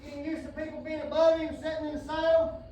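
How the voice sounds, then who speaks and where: High-voiced horse trainer, far off. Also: male voice, monotone, fast talker, mellow, a little hiss or hum. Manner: drawling, folksy, preachy asides, soothing whoas to the horse. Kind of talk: explaining to camera while working a horse. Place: outdoor round pen. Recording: distant echoey outdoor recording.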